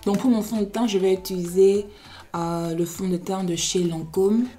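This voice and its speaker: Faint music plays behind a young woman whose medium-pitched voice is dark and steady, moving at a moderate pace. Born in Benin and raised in the US, this beauty vlogger has a Beninese French accent and drops English phrases into her French while casually walking through a makeup tutorial.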